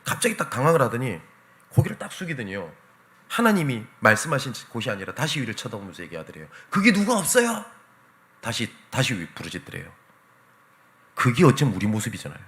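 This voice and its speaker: A pastor preaching a Sunday sermon in an animated, emphatic storytelling manner. His voice is bright and forceful, and his pitch swings widely from phrase to phrase. He speaks from a church sanctuary. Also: fast talker.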